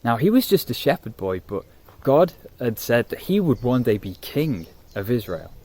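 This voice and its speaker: A man retells a Bible story to camera in an animated, conversational manner. His voice is mellow and warm, set at a middle pitch. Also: moderate pace. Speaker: youth vlogger and interviewer.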